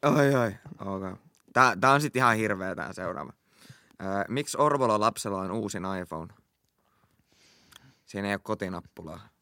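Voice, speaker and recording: A young man co-hosting a podcast, chatting casually and delivering crude bad jokes with deadpan punchlines. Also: fairly low pitch, long pauses, no echo. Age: young adult. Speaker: podcast co-host.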